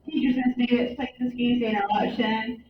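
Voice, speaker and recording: A woman making a slow, deliberate announcement over a school intercom, heard through a classroom loudspeaker. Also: a little high, flat delivery. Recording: echoey distant tinny loudspeaker with background noise.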